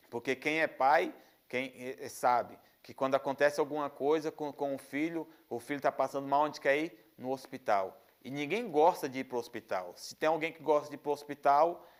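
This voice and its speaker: An earnest man with a Brazilian accent tells his religious testimony in a middle-pitched voice. He circles back on phrases, repeating them for weight. He stumbles and restarts often as he talks. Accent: Brazilian Portuguese. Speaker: testimony speaker.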